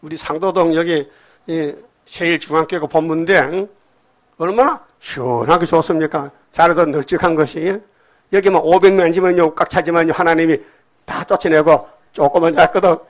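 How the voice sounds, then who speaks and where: Older male pastor, lively preaching style with rhetorical questions, somewhat high voice, church setting. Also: moderate pace. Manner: animated, peppered with rhetorical questions to the congregation. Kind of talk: sermon. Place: church sanctuary.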